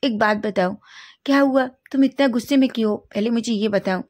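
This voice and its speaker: Brief: fond middle-aged mom, gently scolding and teasing, played by a woman reading a story. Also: a little high, normal speed, lightly acted.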